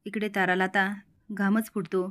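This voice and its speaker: A woman recaps a serial episode in a steady, plain narrating manner. Her voice is pitched in the middle range. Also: normal speed.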